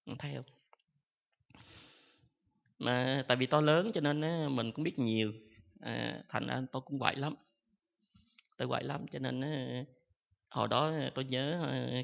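Gravelly monk in a hall. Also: male voice, medium pitch. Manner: chatty, self-mocking, fills pauses with drawn-out "à". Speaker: Buddhist monk. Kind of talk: storytelling dharma talk to an audience. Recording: dull lo-fi sound in a long reverberant hall.

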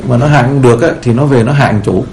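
A man voicing a timid laborer who keeps a ghost, talking a bit louder and pleading, with a roomy echo. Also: medium pitch, very fast, natural voice. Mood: fearful.

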